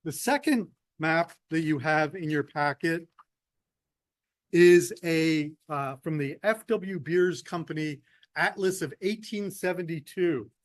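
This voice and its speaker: A man's voice: fairly high pitch, slow pace, no echo. A man, a professor, leading a workshop, speaking conversationally and addressing the audience directly. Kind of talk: lecture with instructions. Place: meeting room.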